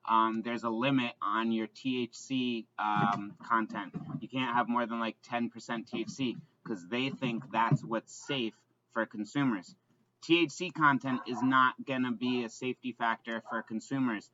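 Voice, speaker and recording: A man's voice: mid-range voice, steady tone, normal speed, pushed and bright, lo-fi sound, slight background noise. A man co-hosting a podcast in casual chat, rambling with lots of fillers and restarts. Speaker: podcast co-host.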